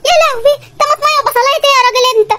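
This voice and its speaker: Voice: extremely high pitch, racing, pushed and bright, slight background noise. A comic performer voicing an exasperated wife and mother with an Egyptian accent, complaining while shopping in a sketch. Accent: Egyptian Arabic. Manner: complaining, pleading, exclaiming. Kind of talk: comedy sketch dialogue.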